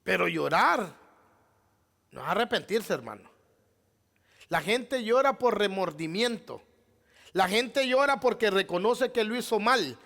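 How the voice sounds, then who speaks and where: A man's voice: high voice, lively intonation, unhurried, vocal fry, pauses often, fairly bright tone. A male pastor preaching a sermon, asking rhetorical questions and addressing the congregation as beloved brother.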